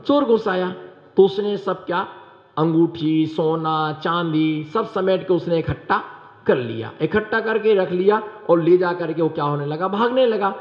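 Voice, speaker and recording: A man's voice: high voice, animated, unhurried. A man giving a storytelling sermon as a monk preacher. He keeps asking the audience rhetorical questions and repeats his phrases. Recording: echoey hall, dull sound.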